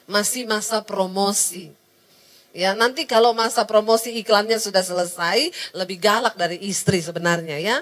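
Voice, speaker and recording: A woman's voice: mid-range voice, fairly even intonation, moderate pace, fairly bright tone. A middle-aged woman, preaching a sermon to a women's service, telling a story and acting out its people, with frequent call-outs to the congregation. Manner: acts out the people in her story.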